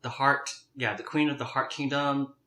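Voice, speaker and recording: Young male mukbang host eating crunchy fried chicken, crisp bright tone, halting casual delivery, echoey kitchen. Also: medium pitch, fairly even intonation. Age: young adult. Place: home kitchen, indoors. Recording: roomy, echoing kitchen sound.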